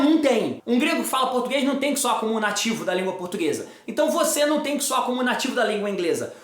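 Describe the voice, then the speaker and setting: A man with a Brazilian accent, teaching in an informal, energetic video lesson, direct and teasing with casual slang. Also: extremely high pitch, reverberant. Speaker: English teacher.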